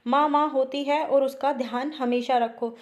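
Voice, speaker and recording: A woman's voice: sits high, fairly even intonation, normal speed, lightly acted. A woman reading the lines of a wise older mother who is stern but loving, in a firm, admonishing way. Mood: advising.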